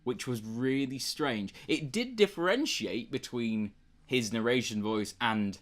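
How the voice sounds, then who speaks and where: Unhurried and animated, a mid-range male voice belongs to a young British book review podcast co-host. The chat is casual and meandering, with lots of fillers and restarts.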